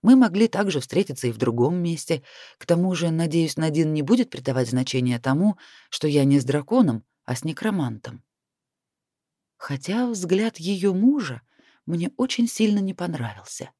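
A man steadily narrating a first-person fantasy audiobook in an even storytelling manner. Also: fairly high pitch, moderate pace, no echo, clean studio sound.

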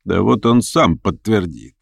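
A man voicing a cold, aloof, contemptuous nobleman in a slow, low, measured way. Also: sing-song, creaky, no room sound, studio quality, full character voice. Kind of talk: audiobook character reading.

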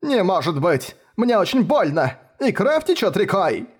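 A man's voice: high-pitched, big pitch swings, measured pace, husky, pitched above the performer's own voice, exaggerated voice. A man voicing an overwrought young male detective who whines and pleads dramatically. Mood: whining. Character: melodramatic young male detective, wounded, whining.

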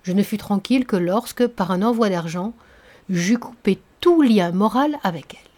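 A bitter middle-aged nobleman, read by a woman narrator, confesses in a storybook audiobook. His voice is mellow and dark-toned, brooding and intense, and he presses his words with a tormented edge. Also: mid-range voice, expressive, moderate pace, natural voice. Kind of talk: audiobook reading of a novel.

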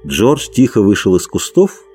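A man narrating an audiobook in an expressive storytelling manner. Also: lowish voice, normal speed, breathy edge, soft background music.

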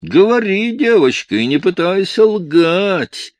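A man reading aloud and voicing a stern, pious older man who scolds and booms at his family, raised well above his own voice. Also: big pitch swings, takes it slowly, creaky, heavily acted. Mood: furious. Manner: booming, scolding.

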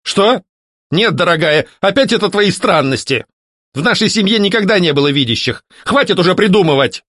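A man's voice: on the high side, very animated, brisk, a bit bright, no echo, studio quality, voice pushed up. A man playing a blustering fat baron. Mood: scornful. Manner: blustering, irritable. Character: fat middle-aged baron, angry and scornful.

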